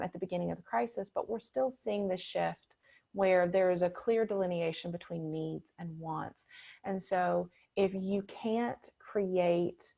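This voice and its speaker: Woman presenter, gravelly edges, on a spotty video call with uneven, dropping volume. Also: fairly low pitch. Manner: steady explaining with filler "um"s. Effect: audio cutting in and out, uneven volume. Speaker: webinar speaker. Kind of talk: business talk on a video call.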